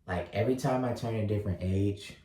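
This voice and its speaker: A thirty-year-old man vlogging, talking slowly through his thoughts with lots of fillers and restarts. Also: fairly low pitch, mellow, distant mic, a little hiss or hum. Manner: halting, many fillers and restarts. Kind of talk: reflective casual monologue. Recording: roomy echo, voice set back from mic.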